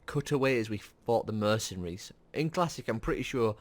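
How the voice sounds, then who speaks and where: A man's voice: fairly low pitch, expressive, brisk. A man hosting a gaming video with casual, off-the-cuff gameplay commentary. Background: game sounds.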